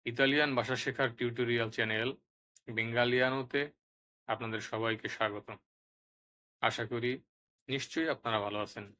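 Bright-voiced man teaching words aloud. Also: medium pitch, steady tone. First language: Bengali. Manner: reads each word twice, loud and deliberate. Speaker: Italian language teacher. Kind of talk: vocabulary lesson with repeat-after-me drills.

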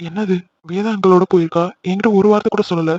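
Guy doing a caring cartoon big bro, talks fast and teasing. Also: high-pitched, steady tone, darkish tone, no room sound. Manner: teasing then soothing, scolds playfully. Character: caring older brother, teasing and protective. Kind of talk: animated cartoon dialogue. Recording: slightly dull lo-fi audio.

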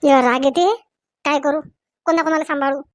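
A woman's voice: sits high, fairly even intonation, fairly quick, slight background noise, close to an everyday voice. A woman playing Shanti, a nagging mother-in-law. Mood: scolding. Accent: Varhadi Marathi. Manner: sharp, nagging, scolding. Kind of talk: comedy sketch acting.

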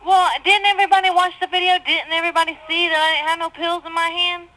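A woman calling from jail speaks extremely high and fast, her bright, forceful voice delivered flatly. Agitated and swearing heavily, she talks over her mother as they fight about her court case. The jail phone line is rough, with a little hiss or hum.

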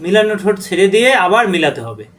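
In this letter-by-letter recitation lesson, a man teaches Quran letter reading in a high, sing-song voice at a racing pace. He stretches out each letter name as he chants it and follows with an explanation of its pronunciation.

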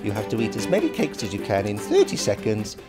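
A man's voice: lowish voice, huge pitch swings, fast, over music. A man playing a female TV baking celebrity, announcing an eating contest in parody.

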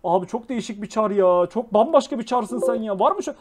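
A young man streaming live, reacting to clips with loud exclamations, mock scolding and swearing. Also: sits high, expressive, fast talker, soft background music.

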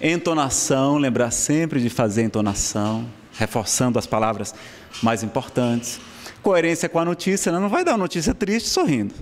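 A man's voice: mid-range voice, very animated, moderate pace, a little hiss or hum. A Brazilian man teaching a public speaking class in a lecture room, talking conversationally and often checking in with the audience. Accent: Brazilian Portuguese. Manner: conversational, frequent "tá certo?" check-ins. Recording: long hall reverb.

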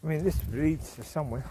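A man's voice: on the high side, dark tone, a little hiss or hum. A man chatting casually as he walks his dogs outdoors along a countryside path, rambling and often restarting or trailing off. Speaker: vlogger and dog owner. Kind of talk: walk-and-talk vlog.

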